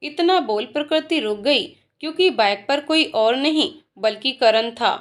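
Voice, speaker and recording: A woman narrating a scripted romance story in a steady, even reading manner. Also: high voice, measured pace.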